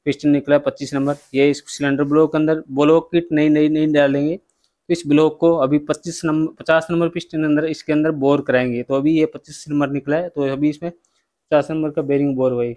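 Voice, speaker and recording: A man's voice: fairly high pitch, flat delivery, fairly quick, a little mellow. A man, working as a bike mechanic, giving a step-by-step workshop repair tutorial and addressing viewers as friends.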